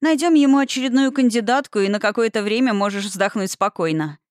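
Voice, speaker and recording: A woman reading the part of a gentle, sweet-talking young woman who soothes others, in an audiobook. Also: a little high, fairly quick, clear, resonant tone, dry recording, clean studio sound, voice pushed up, close to an everyday voice.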